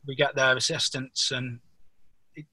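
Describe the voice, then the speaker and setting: A man's voice: mid-range voice, flat delivery, measured pace, crowd noise. A middle-aged man with a Stoke-on-Trent Potteries accent, talking casually and hesitantly as an interview guest, often restarting his words. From Stoke-on-Trent, England. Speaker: podcast guest, police officer. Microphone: remote call.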